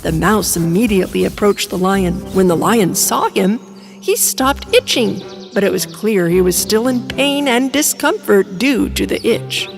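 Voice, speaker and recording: Woman, storybook narration, lively sing-song pitch, soft music behind. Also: measured pace, gravelly.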